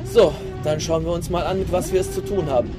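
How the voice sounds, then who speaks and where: Guy playing a cultured space grand admiral, higher voice, calm and commanding, music playing loud behind. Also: natural voice. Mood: cool, assured. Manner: measured, coolly authoritative, didactic. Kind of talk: sci-fi audio drama acting.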